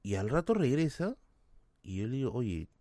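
A man with a Lima Peruvian accent, a podcast host telling a self-mocking anecdote in a casual, animated way. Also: medium pitch, fairly quick, no room sound, studio quality. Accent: Peruvian Spanish, Lima.

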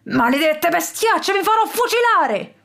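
A woman plays a fat, pompous bully of a lord, all bluster and shouted threats, pitched up high over a clear storybook voice. he barks his orders and sneers at everyone. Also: lively intonation, moderate pace. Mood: furious. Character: big pompous bullying villain lord, male.

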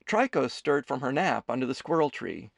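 A man narrating an audiobook in an expressive storytelling manner. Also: mid-range voice, moderate pace, vocal fry, dry recording, clean studio sound. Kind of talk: scripted narration.

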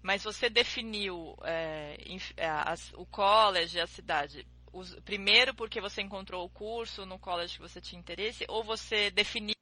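A woman hosts a podcast interview with a very bright, sharp voice. She asks long, friendly questions that ramble and restart as she goes. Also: medium pitch, moderate pace, hardly any pauses. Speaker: podcast host, exchange agency consultant. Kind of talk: casual interview chat.

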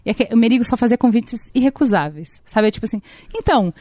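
A young woman tells a personal story in casual chat, animated and quick to act out what everyone said. Her voice sits somewhat high and the sound is close and dry, with no room around it. She talks like she is among friends. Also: no echo. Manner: animated storytelling, acts out quoted dialogue. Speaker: guest telling a story.

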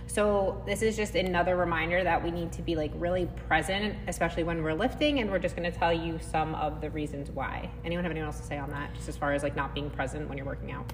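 A woman's voice: fast, hardly any pauses. Woman coach chatting in an echoing gym. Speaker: fitness coach co-hosting a podcast. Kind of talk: casual podcast chat. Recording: echoing gym, long reverb, faint rumbling noise.

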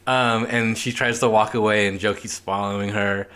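A young man co-hosting a podcast in casual chat, animated and quick to laugh, leaning on "like" a lot. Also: fairly low pitch, clean tone. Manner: animated, laughs often, many "like" fillers. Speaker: podcast co-host.

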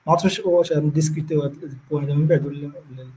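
A man's voice: fairly high pitch, fairly even intonation, racing, warm tone, poor audio. A man with a Moroccan accent chatting casually in a discussion, repeating words as he thinks.

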